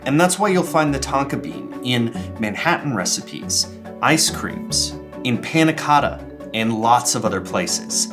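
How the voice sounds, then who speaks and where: A man hosting and narrating a scripted explainer video in a measured, curious storytelling manner. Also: mid-range voice, lively intonation. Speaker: video essayist and host. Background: guitar background music.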